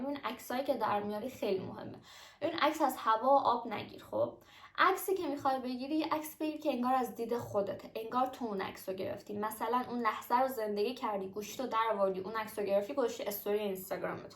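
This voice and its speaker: A young adult woman talking casually and directly to her viewers in a chatty explainer vlog. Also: on the high side. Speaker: vlogger. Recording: echoey room.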